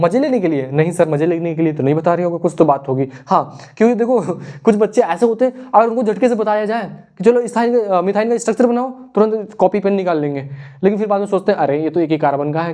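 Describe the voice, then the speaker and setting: A man's voice: sits high, expressive, fast, mellow. A young man teaching a casual exam revision lesson, chatty, playing out imagined student questions and answers himself.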